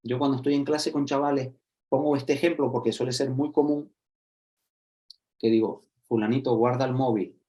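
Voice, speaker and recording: Animated man explaining to educators. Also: medium pitch, moderate pace, pauses often, dull audio. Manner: lively, acts out examples, checks in with "¿vale?" and "¿sí?". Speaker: social educator giving a talk.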